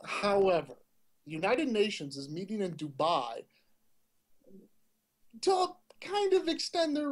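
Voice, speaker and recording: A man with a notably high voice co-hosts a tech news podcast in a casual chat format. He delivers the stories in a punchy, opinionated style and likes to pose rhetorical questions to listeners.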